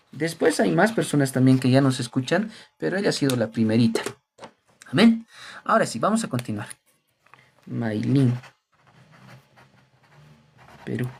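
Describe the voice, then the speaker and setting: Gravelly man preaching. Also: on the high side. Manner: conversational, repeats words, asks listeners "¿ya?" and "¿mm?". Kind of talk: sermon with live chat greetings.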